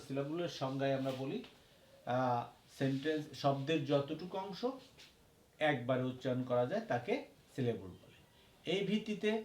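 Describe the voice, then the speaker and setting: A man teaching a grammar lesson at a board. He talks slowly, repeats each point and spells words out letter by letter. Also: mid-range voice, a little mellow, echoey room. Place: classroom.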